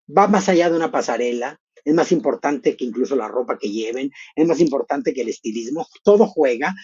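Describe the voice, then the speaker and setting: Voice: medium pitch, slightly rough, dry recording, highs cut off. A middle-aged host, giving chatty live commentary on a beauty pageant and talking straight to viewers. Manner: expressive, chatty, addresses viewers directly.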